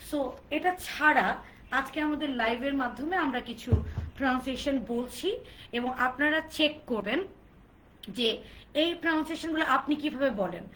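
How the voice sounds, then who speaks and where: A woman's voice: high voice, fairly bright tone, a little hiss or hum, low-quality recording. A woman trainer leading a live online pronunciation lesson, drilling English words aloud and repeating them for learners to copy. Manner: greets viewers by name during a live stream.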